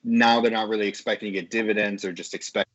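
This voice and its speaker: A man's voice: lowish voice, fairly even intonation, fast talker, a bit bright. A man talking casually as a podcast guest over a remote call, his earbud audio fading in and out. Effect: choppy call audio that fades in and out through wireless earbuds. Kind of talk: casual chat. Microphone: wireless earbuds on a remote call. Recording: muffled, dropping-out lo-fi call line.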